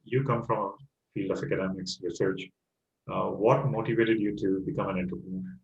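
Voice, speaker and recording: A man hosting an interview, asking plain, relaxed questions. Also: low voice, brisk, creaky. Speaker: interview host. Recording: echoey, dull-sounding room audio.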